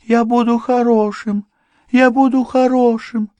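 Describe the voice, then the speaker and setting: A man's voice: on the high side, fairly even intonation, measured pace, creaky, darkish tone, no echo, dull audio, pitched above the performer's own voice. A terrified, childlike mad young man. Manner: pleading, whimpering, childlike.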